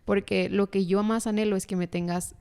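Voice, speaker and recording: A young woman from Mexico, a podcast guest, sharing a personal faith testimony in a casual, earnest and animated way. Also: medium pitch, normal speed, creaky, smooth. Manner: earnest, animated storytelling with laughs.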